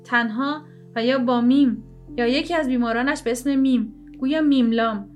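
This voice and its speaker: A woman voicing a meek middle-aged man who speaks in a sighing, gently ironic way, in an audiobook reading. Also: high-pitched, soft background music, lightly acted. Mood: mournful. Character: mournful meek middle-aged man with a self-pitying sigh.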